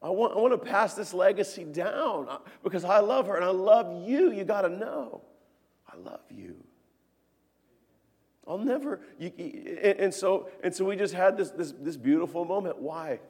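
Earnest pastor guy preaching, goes quiet then loud, echoey church hall. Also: high-pitched, lively intonation, moderate pace, husky. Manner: earnest, swings from hushed to emphatic. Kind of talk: sermon. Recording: long reverb of a church hall.

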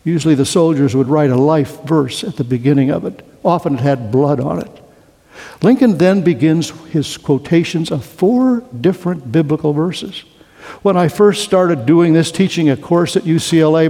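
Mellow-voiced man lecturing in a reverberant hall. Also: on the high side. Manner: deliberate, slows to a hush for key lines. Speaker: historian lecturer. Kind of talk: storytelling lecture.

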